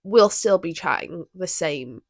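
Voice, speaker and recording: Her lowish voice has lively intonation and an unhurried pace as she rambles through a relaxed podcast conversation, easily sidetracked. She is a twenty-something co-host with a Southern English accent, recorded without echo in a room whose window is open.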